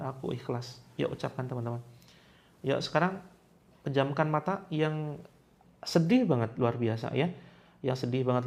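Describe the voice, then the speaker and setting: Man, gravelly voice, guided ruqyah session, coaxing, chanting prayers over and over. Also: mid-range voice, darkish tone. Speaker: ruqyah coach leading viewers.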